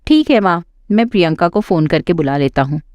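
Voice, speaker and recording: A woman's voice: lowish voice, animated, brisk, darkish tone, no echo, lightly acted. Woman putting on a mild young husband. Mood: placating. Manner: placating.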